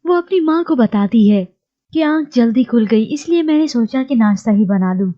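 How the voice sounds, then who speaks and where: A woman narrating a recap of a TV drama in a steady storytelling read. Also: fairly high pitch, normal speed, muffled recording.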